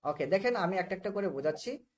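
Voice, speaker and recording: A man's voice: high voice, animated. Bangladeshi man teaching English online. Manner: explains slowly and repeats, often checks if students understand. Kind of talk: live online spoken English class.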